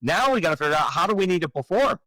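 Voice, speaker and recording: A man in his forties, a real estate coach talking on a podcast, explaining his framework with energetic rhetorical questions. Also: a little high, rapid-fire, no echo, rough recording. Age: 40s. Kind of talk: casual podcast talk.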